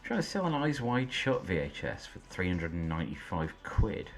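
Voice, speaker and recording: A man hosting a late-night stream, chatting casually and amused as he browses, sometimes dropping quiet and offhand. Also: low voice, very animated, moderate pace. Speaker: host. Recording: faint background music. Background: faint background music.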